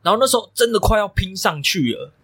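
A man's voice: high voice, animated, fast, sharp tone, slightly rough, no room sound. A young man, a coach co-hosting a podcast, telling stories emphatically and swearing freely. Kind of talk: casual podcast chat.

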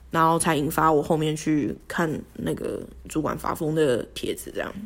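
Woman podcaster, lowish voice, animated solo storytelling that rambles. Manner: animated storytelling, acting out quotes in a higher voice; rambling with fillers and rhetorical questions. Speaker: podcast host. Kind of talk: casual solo monologue.

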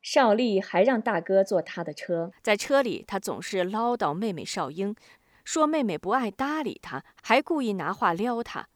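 Lively woman narrating an audiobook, dry sound. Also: moderate pace, dry recording. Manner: voices the family's dialogue with lively pitch shifts.

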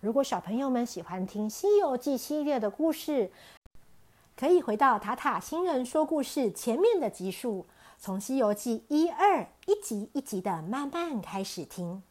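Woman, children's storyteller, fairly high voice, very animated intonation, expressive reading. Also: normal speed.

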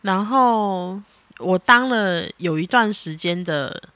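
A woman, chatting casually on a podcast as a mother talking with her child, animated and exasperated in a teasing way. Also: mid-range voice, slow, no echo.

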